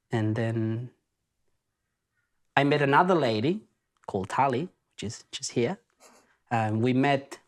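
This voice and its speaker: A man from Argentina with an Argentine accent, hosting a podcast and telling his story in an earnest, reflective way. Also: medium pitch. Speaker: podcast host. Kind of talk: casual spoken introduction.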